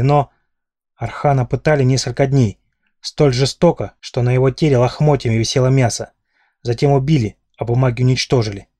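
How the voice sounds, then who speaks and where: Man playing menacing male lord, growling, hateful, accusing, dark voice, dry sound, audiobook. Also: medium pitch, no room sound, close to an everyday voice.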